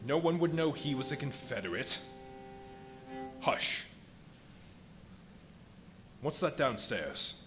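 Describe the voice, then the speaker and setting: An actor in a live radio play playing a ruthless, megalomaniac invisible scientist, speaking in an imperious, deliberate, menacing way. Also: male voice, medium pitch, very animated. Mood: coldly menacing. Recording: live stage recording with music underneath. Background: music.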